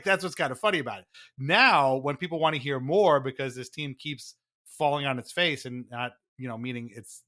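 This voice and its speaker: Casual and amused, a man co-hosts the hockey fan podcast in a mid-range voice that sounds pushed and bright, joining the wry chat and mock-dramatic readings.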